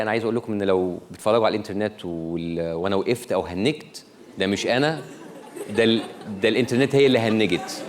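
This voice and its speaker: Fast-talking Egyptian man, comic host. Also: on the low side, a little hiss or hum. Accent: Egyptian Arabic. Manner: quick, joking delivery with frequent restarts. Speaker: show host introducing a guest. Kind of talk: comic monologue to a studio audience.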